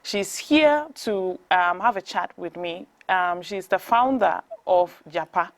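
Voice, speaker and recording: A woman's voice: on the low side, slow pace. A woman hosting an interview, welcoming her guest and encouraging her with frequent murmurs. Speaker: host.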